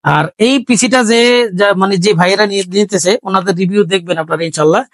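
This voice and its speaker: A man's voice: high-pitched, fast talker, no room sound. A man casually walking through the parts of a gaming PC build, chatty and explaining as he goes, mixing in English tech terms. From Bangladesh. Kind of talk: casual hardware walkthrough.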